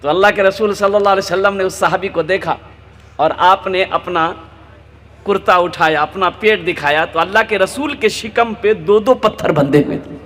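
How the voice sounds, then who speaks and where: A man gives a sermon from the stage, his voice high and lively as he acts out each line of dialogue. It sounds amplified, with a long echo through the PA system. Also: normal speed. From Kolkata. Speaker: maulana preacher. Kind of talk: religious sermon with humorous story.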